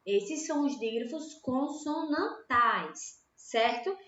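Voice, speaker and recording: A Brazilian woman teaching young pupils a grammar lesson, slow and patient, asking questions and answering them herself. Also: high-pitched, expressive, fairly bright tone. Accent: Brazilian Portuguese. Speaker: primary school teacher. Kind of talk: recorded online grammar lesson. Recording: echoey room, dull lo-fi home recording.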